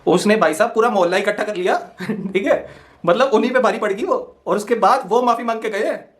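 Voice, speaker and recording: Here a young man casually recounts something funny that happened to him, full of energy and frequent laughter as he performs the quoted dialogue. He talks a little fast, in a high register.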